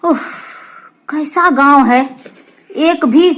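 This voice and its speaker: A woman's voice: sits high, extremely slow, a bit bright, full character voice. A woman voicing a rude, bossy middle-aged man who cuts down a tree. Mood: weary. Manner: gruff, bossy, shooing. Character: gruff middle-aged male woodcutter, rude then weary.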